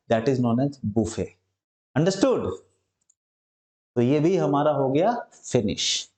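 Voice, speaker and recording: A man teaching English vocabulary in Hindi, explaining each word slowly and often checking with "understood?". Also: on the high side, dark tone. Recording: echoey room.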